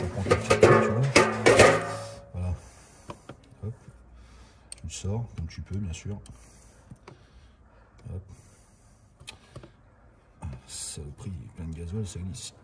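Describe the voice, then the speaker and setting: A man's voice: deep voice, takes it slowly, long pauses, music in the background. A man, giving a chatty, casual how-to on car repairs in a garage, full of filler words. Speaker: amateur mechanic host. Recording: noisy garage recording.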